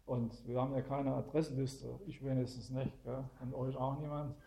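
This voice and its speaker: A man's voice: mid-range voice, little pitch movement, normal speed, vocal fry, crowd noise. A man teaching the Bible to a small group, explaining verses one by one and often adding "gell?" to check that listeners follow. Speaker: preacher.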